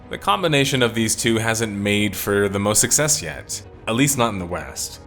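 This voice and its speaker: A man delivers scripted video-essay commentary in a fairly low voice. His voice sounds tired and strained, and his delivery is opinionated and wry. Faint music plays quietly beneath the narration. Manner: opinionated, wry, detective-themed wrap-up.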